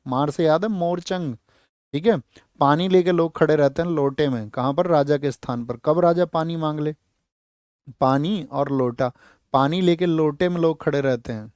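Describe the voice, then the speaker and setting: A man's voice: on the high side, darkish tone, no room sound, clean studio sound. A man teaching an exam-prep lecture who quizzes his students, answers his own questions and repeats key words so they stick.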